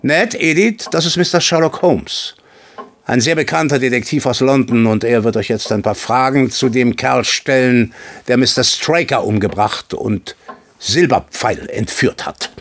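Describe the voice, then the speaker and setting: An actor playing a formal military colonel and stable owner in a German radio play, orderly and commanding in manner. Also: male voice, mid-range voice, unhurried, dry recording, natural voice.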